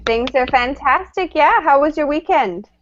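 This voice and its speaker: A woman teaching an online English class, greeting students warmly and laughing often. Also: sits high, animated, normal speed, slight background noise. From Canada. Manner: friendly, welcoming, laughs often. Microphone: computer mic on video call. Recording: slightly dull video call audio.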